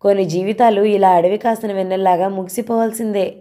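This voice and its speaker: A woman's voice: mid-range voice, fairly even intonation, fast talker, mellow, close to an everyday voice. A woman voicing a flirtatious, self-pitying middle-aged married man who sighs about his life.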